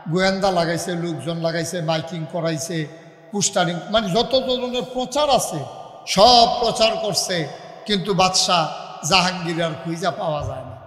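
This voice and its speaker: A man, a preacher telling a sermon story in a dramatic, dialect-rich way. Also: sits high. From Bangladesh. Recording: echoey hall, loudspeaker reverb.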